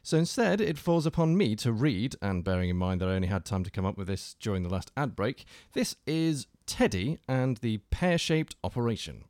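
A man's voice: lowish voice, sing-song, a little fast, hardly any pauses, a little mellow. A man hosting a comedy radio show in a mock-solemn presenter manner. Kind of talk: comedy radio hosting and reading a rhyming story.

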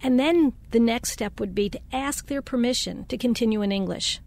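A woman's voice: on the high side, normal speed, creaky, darkish tone. A woman who directs leadership training gives confident advice. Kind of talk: interview clip.

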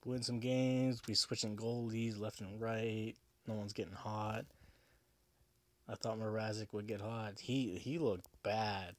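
Man, drunk, fairly low pitch, rambling, repetitive, profane, casual solo sports podcast host. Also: steady tone, slow, no echo.

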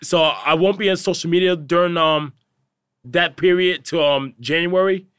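Young guy guesting on a podcast, bright upbeat voice, earnest, lots of likes and ums. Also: fairly high pitch, moderate pace, clear, resonant tone, dry recording, studio quality. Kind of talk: casual chat.

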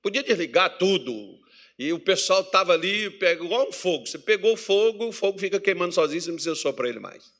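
Energetic high-voiced male pastor. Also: quick pace. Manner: jokes and acts out quoted voices, chuckling. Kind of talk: lively storytelling sermon. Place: church.

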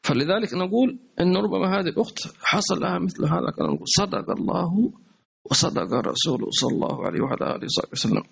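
A male religious teacher, giving a sermon-style lesson in a conversational, animated way and repeating words for emphasis. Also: high-pitched, fast talker, gravelly, husky. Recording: dull lo-fi stream audio.

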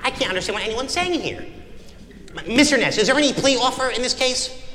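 A man's voice: very high voice, expressive, quick pace, pushed and bright, exaggerated voice. A man playing an exasperated, stern judge who scolds impatiently and incredulously. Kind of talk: comedy sketch acting. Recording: roomy hall reverb.

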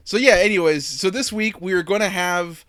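A man's voice: sits high, normal speed, fairly bright tone, no echo, studio quality. A man hosting a podcast in casual chat, boastful and joking, swearing freely. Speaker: podcast host.

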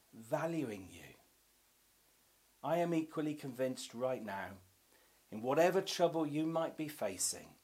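Guy doing a slow advent devotional, kinda high voice, calm and measured, goes all hushed at times. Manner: slow, measured delivery that drops to soft, hushed tones. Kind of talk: devotional Advent reflection with scripture reading.

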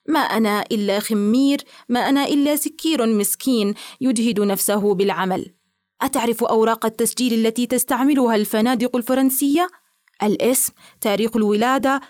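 A woman's voice: on the high side, darkish tone, no echo, lightly acted. A woman voicing a drunken, teasing colonial man at a party in an audiobook reading, pleading and confiding in mock humility.

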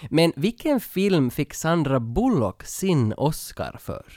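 A man's voice: on the high side, very animated, darkish tone, no room sound, clean studio sound. A male podcast host from Finland, chatting casually and teasing his co-host with laughter. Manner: teasing, laughing, quiz-master banter. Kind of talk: casual chat.

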